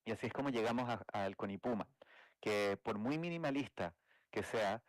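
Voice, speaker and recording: A man's voice: fairly low pitch, normal speed, no room sound, rough recording. A man from Chile, speaking, giving a thoughtful academic talk as a game designer, with frequent restarts and "eh" fillers. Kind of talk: academic lecture.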